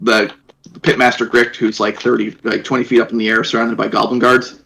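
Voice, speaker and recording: Man, dungeon master, average pitch, halting, restarts often, casual game narration. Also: little pitch movement, vocal fry, sharp tone, slight background noise, rough recording. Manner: rambling, halting, many restarts.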